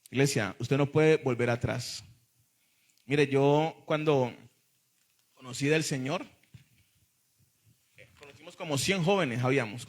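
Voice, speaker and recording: A man, a pastor preaching a sermon to a congregation in church, emphatic and often calling out to the listeners. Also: medium pitch.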